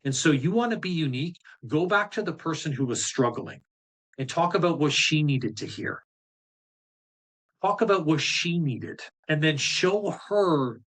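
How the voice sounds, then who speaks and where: A man's voice: a little high, fairly bright tone. A man coaching a live group session, talking in a direct, blunt and fired-up way with casual swearing. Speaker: business coach.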